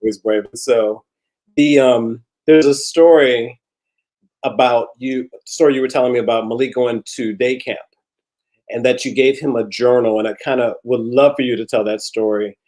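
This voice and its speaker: A man hosting an interview, asking questions with restarts and answering with quick affirmations. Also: medium pitch, fairly even intonation, low-quality recording. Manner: warm prompts, frequent short affirmations, restarts. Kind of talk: conversational interview.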